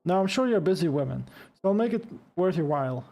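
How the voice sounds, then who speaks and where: A man's voice: high voice, expressive, quick pace, gravelly, warm tone. A man voicing a guarded, suspicious woman in hiding, reading game dialogue aloud. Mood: businesslike, persuading.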